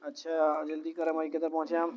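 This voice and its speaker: A male Quran teacher reciting verses quickly and explaining their grammar slowly to a class of students, often asking them questions. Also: a little high, completely flat delivery. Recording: dull lo-fi classroom recording.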